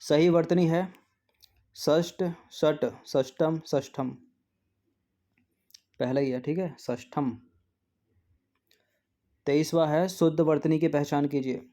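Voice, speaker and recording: A man gives a spelling lesson for exam preparation. He sounds mellow and a little high, and he repeats each word slowly as he checks the options. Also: fairly even intonation. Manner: goes through answer options aloud, repeating words slowly. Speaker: exam coaching teacher.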